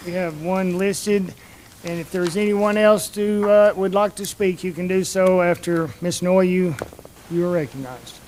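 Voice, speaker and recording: A man's voice: high voice, steady tone, unhurried, darkish tone. A man chairing a public meeting in a courteous, formal, procedural way. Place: indoor commission meeting room. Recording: faint background noise.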